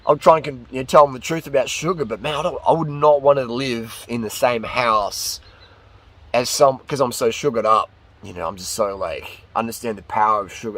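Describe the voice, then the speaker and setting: A man giving a casual, opinionated monologue as a fitness vlogger, talking in an excitable, slangy, ranting way. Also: mid-range voice.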